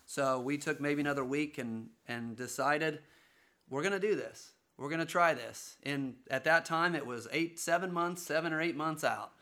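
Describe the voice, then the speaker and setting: A man telling, in a casual conversational way, how his family chose to follow a calling, speaking earnestly with halting restarts. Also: a little high, sharp tone. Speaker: father sharing a family's mission call.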